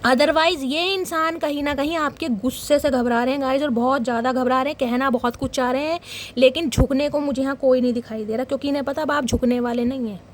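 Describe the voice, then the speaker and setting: A young woman reading tarot cards for her viewers. She talks in a dramatic, animated way and keeps calling them guys. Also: high voice, brisk. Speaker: tarot reader.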